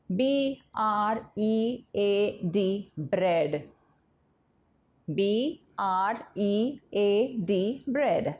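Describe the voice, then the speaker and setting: A woman's voice: on the high side, mellow. A woman from Mumbai teaching English vocabulary in Hindi, spelling each word out letter by letter and explaining its meaning. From Mumbai, India. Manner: slow, deliberate spelling-out of words letter by letter.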